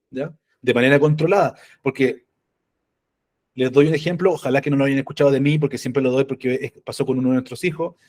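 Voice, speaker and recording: A man's voice: medium pitch, a little mellow. A middle-aged man, giving a conversational church parenting talk and often checking in with the audience. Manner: tells personal stories with playful humor.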